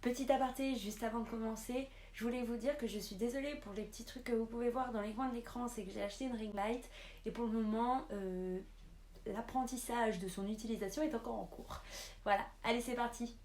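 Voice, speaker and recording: A woman's voice: on the high side, fairly even intonation, brisk, darkish tone. A young woman making a casual vlog tutorial, chatting with lots of hesitant fillers. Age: young adult. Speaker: pet vlogger.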